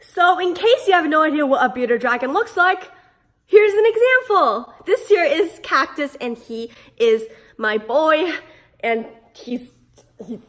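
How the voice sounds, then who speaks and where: A woman presents a casual how-to pet video in a high voice. She sounds sick and hoarse, with a smoker's rasp, and keeps her delivery playful and animated. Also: measured pace. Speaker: pet care video host. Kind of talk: casual instructional vlog.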